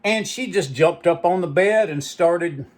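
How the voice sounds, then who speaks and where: This is a channel host with a high-pitched voice and a measured pace. He tells rambling, nostalgic stories full of asides in a reminiscing monologue.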